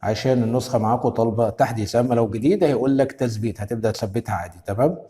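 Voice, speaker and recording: Man, Egyptian Arabic accent, tech tutorial host, step-by-step instructions, long reverb tail, mellow tone. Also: mid-range voice. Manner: brisk instructions, constantly checking in with the viewer.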